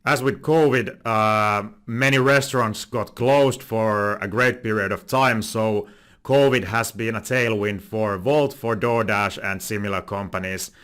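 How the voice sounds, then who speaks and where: A man's voice: on the low side, fairly even intonation, a little slow, a bit bright, smooth. A young Finnish man with a Finnish accent hosting a casual finance commentary video, talking with frequent "uh"s and self-corrections. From Finland. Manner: many filler "uh"s and restarts. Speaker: finance channel host.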